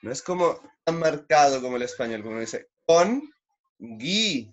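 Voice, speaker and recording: A man's voice: mid-range voice, fairly quick. A man with a Chilean accent teaching a beginner language class online, patiently drilling sounds and repeating syllables. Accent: Chilean Spanish.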